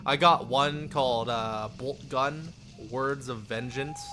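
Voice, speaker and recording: There's a little hiss or hum as a man speaks slowly in a sharp, mid-range voice during a live stream. He keeps things casual and rambling, chuckling often in reply to chat, and reads some story narration aloud.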